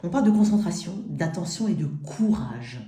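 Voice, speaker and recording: Lisping woman with a low, mellow voice. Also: lively intonation, moderate pace, slight background noise. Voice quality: lisp on s and z sounds. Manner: addresses the listener intimately as "tu". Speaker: tarot reader, host. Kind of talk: informal tarot reading to the listener. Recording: roomy, echoing sound.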